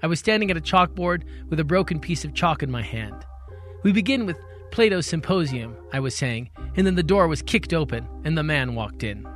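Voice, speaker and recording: A man's voice: on the high side, animated, fairly quick, few pauses, a bit bright, faint music behind. Wry man narrating a story. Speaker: radio host and storyteller.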